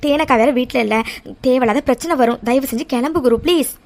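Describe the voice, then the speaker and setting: A woman's voice: sits high, quick pace. Woman voicing Aara, anxious young woman. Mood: insistent. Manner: pleading, anxious, repeats words. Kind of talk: cartoon voice acting.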